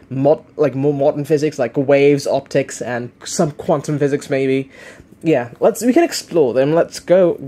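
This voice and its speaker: Young male unboxing host, slightly high-pitched, casual and hesitant, thinking aloud with self-corrections. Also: a little mellow. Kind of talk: casual unscripted unboxing commentary. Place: living room, indoors.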